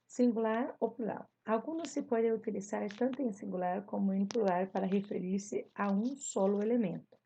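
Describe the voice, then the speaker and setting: A woman Spanish teacher with a Brazilian Portuguese accent, giving an online class, slowly repeating examples and explaining them. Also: medium pitch, creaky, warm tone, slightly rough, poor audio.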